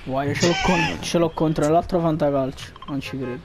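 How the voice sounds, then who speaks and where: A man's voice: fairly high pitch, steady tone, fairly quick, music in the background. A man chatting casually with friends as he plays a game. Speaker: gamer in squad voice chat. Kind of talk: casual gaming chat with friends. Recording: noisy gaming voice chat.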